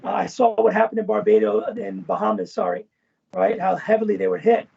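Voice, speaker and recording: A man with a strongly gravelly, husky voice that sits fairly high for a man. He talks as an interview guest, loose and expansive, leaning on "right?" and "you know". The audio comes through a muffled, lo-fi call. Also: animated, brisk, darkish tone. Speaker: guest, former event manager and professor. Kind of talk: casual interview talk.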